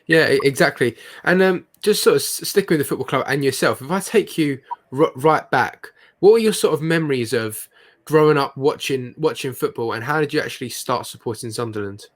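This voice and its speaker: A man's voice: medium pitch, animated, a little fast. A man hosting an interview, asking casual questions and stumbling over the starts of his words. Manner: stammers and restarts his words. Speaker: podcast host.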